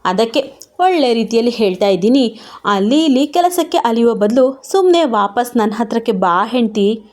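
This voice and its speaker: A woman's voice: on the high side, animated, moderate pace, darkish tone, natural voice. A woman reading a smug, teasing young husband. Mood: coaxing. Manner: mocking, playful sarcasm. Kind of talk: audio story reading.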